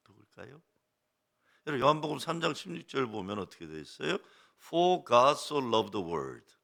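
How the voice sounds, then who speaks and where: An older man preaches a Sunday sermon, his voice gravelly with fry and sharply bright. He moves through a wide, animated pitch range. He keeps prodding the congregation with rhetorical questions. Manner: lively preaching cadence. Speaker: pastor.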